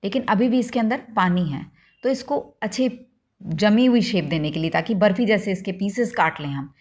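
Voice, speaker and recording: A woman's voice: medium pitch, animated, moderate pace, darkish tone. A woman hosting a home cooking demonstration, explaining each step to viewers in a homely, instructive way. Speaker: cooking channel host.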